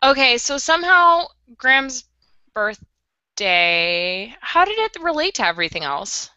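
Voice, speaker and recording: A young woman chatting on a podcast, giggly and a little tipsy as she rambles through a story. Her voice is bright and forward, and the recording sounds dry and somewhat dull. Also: high-pitched, very animated, unhurried, clean tone, no room sound. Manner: tipsy, giggly, chatty while drinking beer. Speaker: podcast co-host. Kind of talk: casual chat.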